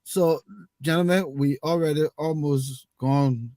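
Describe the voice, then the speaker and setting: A man hosting a casual panel talk show, animated, often repeating words as he starts a sentence. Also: on the high side, a little slow, no echo. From Liberia.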